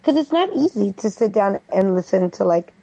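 A woman talking as a podcast guest in casual chat, animated when she quotes herself. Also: medium pitch, fairly quick, gravelly, low-quality recording. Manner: chatty, animated quoting of herself.

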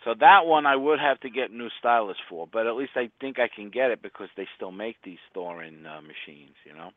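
A man's voice: medium pitch, expressive, a little fast, dry recording. A man with a Brooklyn accent chats casually on a radio show in a blunt, salty way. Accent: Brooklyn New York. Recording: thin phone-like radio audio.

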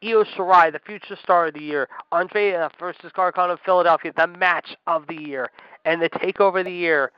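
Male play-by-play co-host, higher voice, smooth, dry lo-fi radio sound, hyped delivery. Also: a little fast, no echo. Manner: excitable, hyped announcing. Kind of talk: wrestling play-by-play commentary. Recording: dry, dull lo-fi radio audio.

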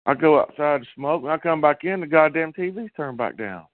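Male co-host, fairly high voice, profane storyteller, dry tinny line. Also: expressive, fairly quick, no room sound. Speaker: podcast co-host. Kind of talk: casual chat.

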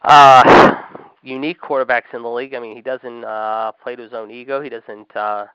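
A man's voice: medium pitch, flat delivery, a little fast, a bit bright, clean tone, no echo. A man hosting a sports talk show, giving emphatic opinions with many fillers and repeated "however". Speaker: podcast host. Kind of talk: opinionated sports commentary monologue. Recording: dull lo-fi dry recording.

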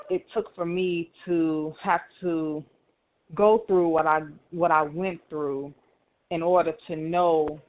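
A woman speaking earnestly and thoughtfully on a radio call-in show over a clipped phone line. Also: fairly low pitch. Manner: reflective, earnest, with some restarts.

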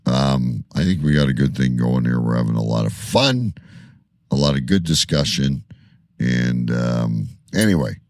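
A man's voice: extremely low pitch, animated, unhurried, a little mellow, no echo, clean studio sound. A man hosting a casual sports podcast, talking loosely with many restarts and fillers. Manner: rambling, stumbles and restarts, fillers. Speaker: podcast host.

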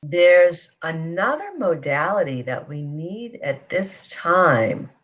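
A very animated yet slow mid-range voice with a fairly bright tone runs a guided energy-healing session, speaking soothingly and inviting listeners to repeat statements. The sound is a dull lo-fi teleconference line.

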